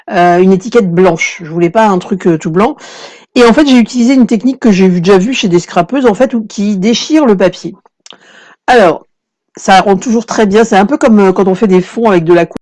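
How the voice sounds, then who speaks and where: A woman's voice: mid-range voice, darkish tone. Chatty woman hosting a craft live stream. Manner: chatty, reads out viewer comments, many fillers. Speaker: craft workshop host.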